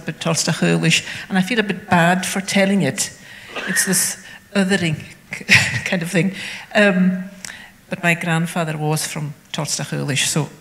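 A woman's voice: lowish voice, gravelly, a bit bright. A woman in the audience telling a personal story, a little hesitant and apologetic. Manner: slightly hesitant and apologetic, with fillers. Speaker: audience member. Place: public hall. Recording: hall reverb from a live talk.

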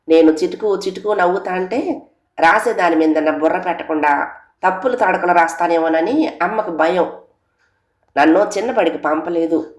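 Woman narrating a comic story. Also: on the low side. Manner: lively, conversational first-person telling. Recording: roomy echo.

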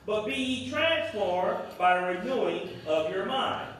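A man's voice: high voice, animated, unhurried, a bit bright, slight background noise. A man in his fifties preaching a sermon as pastor, emphatic and repetitive, heard from a distance in an echoey room. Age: 50s.

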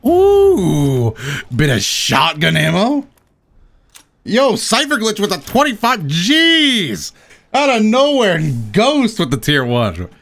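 A man doing casual, joking live commentary on a video game, excitable and sweary. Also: high-pitched, slow pace. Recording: faint game noise behind. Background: horror game audio.

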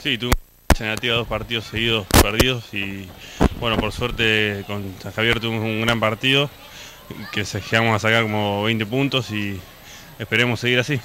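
A man's voice: fairly low pitch, steady tone, normal speed, background noise. A young man with an Argentine accent, a basketball player giving plain, modest answers in an interview. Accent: Argentine Spanish.

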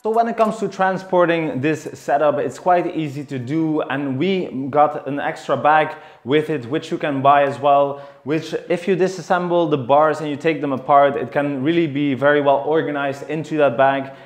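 A man's voice: fairly high pitch, moderate pace, few pauses. A young man in his twenties giving a detailed, explanatory product review of home gym equipment, recorded indoors on a camera mic at mid distance. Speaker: fitness reviewer. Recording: echoey room with faint music.

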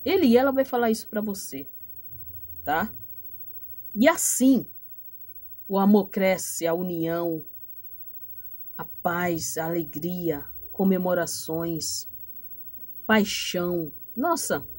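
A Brazilian woman reads tarot cards straight to her viewers. Her talk is warm-hearted and repetitive, full of pet names and little checks for agreement. She gives motherly advice and ends with blessings. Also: fairly low pitch, expressive, slow pace, pauses often. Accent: Brazilian Portuguese. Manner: affectionate, repetitive, ends phrases with "tá?". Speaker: tarot card reader. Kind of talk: direct-to-camera tarot reading.

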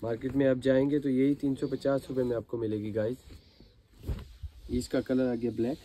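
Mellow Indian man, eager sales pitch, faint noise. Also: little pitch movement, moderate pace. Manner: eager, urging sales patter, repeatedly addressing viewers. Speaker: fabric seller and channel host. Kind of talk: informal teleshopping sales pitch.

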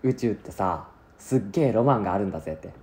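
A man's voice: on the low side, expressive, quick pace, dark tone. A man voicing a jovial, dreamy aging male farmer who talks boastfully and wistfully about his old dream.

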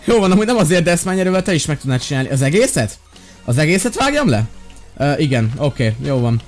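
A chatty young man talks his way through a game in a fairly high voice, joking and grumbling at his companions. Faint music plays underneath. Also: big pitch swings. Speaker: Minecraft gaming video host. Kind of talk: casual gameplay chat.

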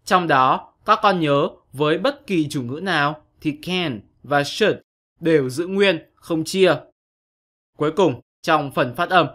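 A male English teacher reads a scripted online lesson, patient and methodical with young pupils. His voice sits a little high and rings bright and forceful.

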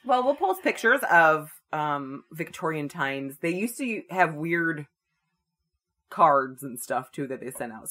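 A woman's voice: extremely low pitch, a bit bright. A woman co-hosting a podcast in casual chat, chatty as she reads out plugs and links for listeners. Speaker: podcast co-host.

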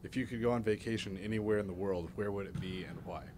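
A man off camera reading interview questions in a brisk, plain way. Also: fairly low pitch, darkish tone, a little hiss or hum.

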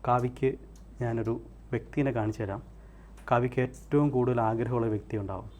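A man leading a guided hypnosis session, repeating soft commands to relax and go deeper and counting slowly. His voice sits at an ordinary middle pitch. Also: steady tone. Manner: repetitive soothing commands, slow counting.

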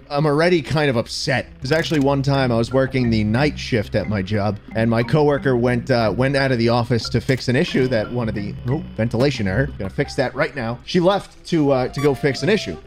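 A man giving loud, excitable, swearing commentary while playing a game. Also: medium pitch, brisk, few pauses. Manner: excitable, swearing, laughing outbursts. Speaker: gaming streamer. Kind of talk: let's-play commentary. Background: game music.

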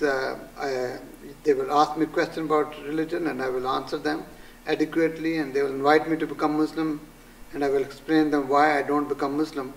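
An older man with a Pakistani accent, a pastor being interviewed, speaking earnestly with many halting pauses as he recounts and quotes scripture. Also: on the high side, distant mic, poor audio. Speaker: pastor, guest. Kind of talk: interview answers. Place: small studio room with green wall.

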